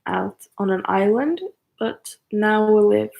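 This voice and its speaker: A young woman in her twenties chats on a livestream from her apartment, talking slowly and unhurriedly. Her voice has a gravelly, creaky edge, and she hesitates often, leaning on fillers and small apologies. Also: medium pitch, phone-quality sound. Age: 20s. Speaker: YouTuber on a livestream. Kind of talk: casual livestream chat.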